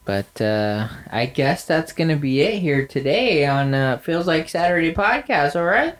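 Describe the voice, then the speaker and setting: A nasal-voiced man co-hosts a podcast, chatting casually with plenty of fillers and dry sarcasm. His voice is a little high, with big swings in pitch, and he speaks at a measured pace.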